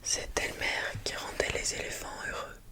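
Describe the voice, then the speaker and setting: An ASMR host reading a children's picture book aloud in a hushed library whisper, with gentle phrasing and small asides to listeners. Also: normal speed.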